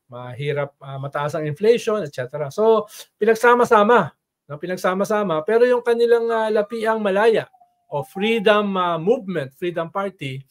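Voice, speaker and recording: An older man discussing politics in a casual talk show, explaining at length and tagging sentences with "no?". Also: sits high.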